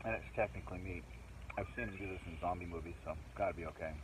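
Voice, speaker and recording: Talking fast in a low voice with fairly even intonation, a middle-aged man records a casual solo camping vlog in the woods of an island. He rambles chattily, musing aloud as he goes. The sound comes from a phone camera, handheld or propped nearby, and is noisy, with birdsong and outdoor ambience.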